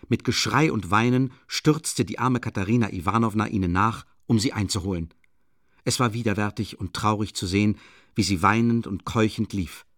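Low-voiced male audiobook narrator. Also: normal speed, fairly bright tone, no echo, studio quality. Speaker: audiobook reader. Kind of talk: scripted narration.

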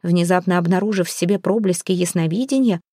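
A woman reading a novel aloud as an audiobook narrator, with measured storytelling. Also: fairly low pitch, mellow, no echo, clean studio sound. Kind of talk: scripted narration.

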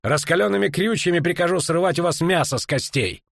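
A man's voice: on the high side, fairly quick, vocal fry, dry recording, studio quality, pitched above the performer's own voice. A man reading an audiobook, voicing a menacing middle-aged coroner who drawls with venom and threats. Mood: threatening.

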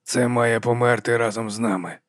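A man voicing a frail, secretive old man who speaks in a hushed, hissing, barely audible voice in an audiobook. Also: medium pitch, steady tone, moderate pace, no echo, studio quality, lightly acted. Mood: hushed grim. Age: older. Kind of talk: audiobook character voice.

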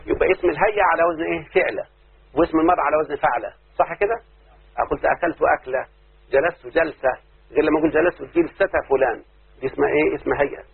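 A man with an Egyptian Arabic accent, a sheikh teaching grammar who keeps quizzing his students in a patient, repetitive call-and-response lesson, heard on a tinny low-fidelity recording. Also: very fast, creaky, slightly rough.

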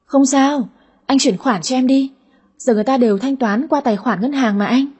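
A woman voicing a greedy, sulky daughter in her thirties with a high, whiny voice in an audio story. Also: normal speed, mellow, husky. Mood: coaxing. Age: 30s. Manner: whiny, cheeky.

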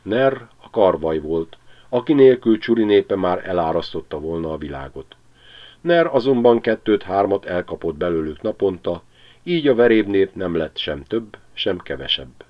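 Male audiobook reader, low voice, lively pitch, lo-fi sound. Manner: lively, expressive storytelling. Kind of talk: scripted narration of a children's novel.

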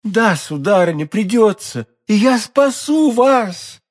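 A man's voice: sits high, expressive, slow, voice pushed up, heavily acted. A man reading an audiobook, voicing an earnest, devoted young woman who serves the queen. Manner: earnest, fervent.

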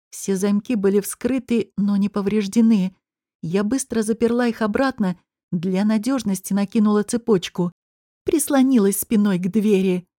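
A woman narrating a first-person audiobook in an even, measured way. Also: medium pitch, no room sound, studio quality.

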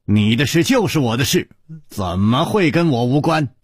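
A man voicing an easygoing male hero swordsman who speaks calmly and wryly, in a storytelling performance. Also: mid-range voice, moderate pace, husky, dry recording, clean studio sound. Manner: calm, wry, friendly.

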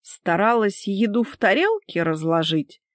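A woman's voice: mid-range voice, big pitch swings, measured pace, no echo. A woman voicing a stern, domineering husband who speaks in a clipped, sarcastic, commanding way, in a dry close recording. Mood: stern cold.

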